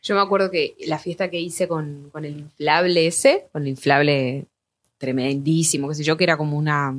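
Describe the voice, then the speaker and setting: A woman in her twenties with a Rioplatense Spanish accent, co-hosting a podcast and telling stories in casual chat, acting out quotes loudly. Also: low-pitched, moderate pace. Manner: animated storyteller, acts out quotes loudly. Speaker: podcast co-host.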